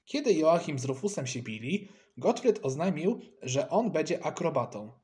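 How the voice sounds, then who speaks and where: Expressive male storybook narrator. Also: on the high side, normal speed. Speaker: audiobook narrator.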